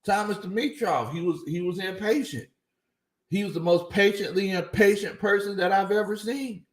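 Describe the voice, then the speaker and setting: A man with a high-pitched voice speaks at a moderate pace in an echoey room, sounding a little worn out. Hosting a sports livestream, he reads viewer chats casually and chuckles through his lines, laughing often.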